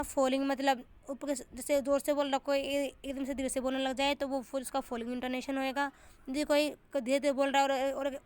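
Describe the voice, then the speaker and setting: A young woman tutoring for an exam in a casual explanatory lesson, often repeating and restarting as she explains and mixing in English terms. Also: high voice.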